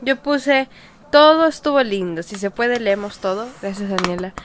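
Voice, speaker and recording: A woman co-hosting a casual Bible study chat, making brief, unhurried remarks. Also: mid-range voice. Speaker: podcast co-host.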